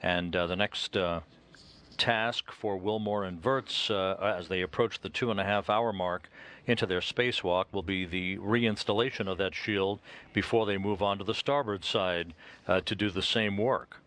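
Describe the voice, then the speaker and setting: A man delivering live technical commentary as a mission commentator, halting with pauses mid-sentence. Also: low-pitched, fairly even intonation, a bit bright.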